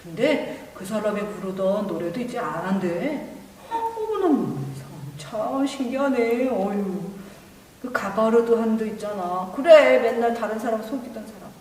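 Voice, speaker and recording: A woman voicing an excited, gossipy village woman who exclaims and chatters as a storyteller's character. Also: mid-range voice, moderate pace, hardly any pauses, slight background noise, lightly acted. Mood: gossipy, marveling. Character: excited gossipy Indian villager woman marveling at changed neighbours. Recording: echoey hall, distant microphone.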